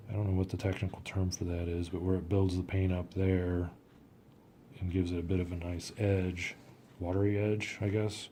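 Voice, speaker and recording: Low, mellow-voiced man talking through painting. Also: a little hiss or hum. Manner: thinks aloud, hesitant, trailing off. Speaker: watercolor artist. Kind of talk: casual painting demonstration.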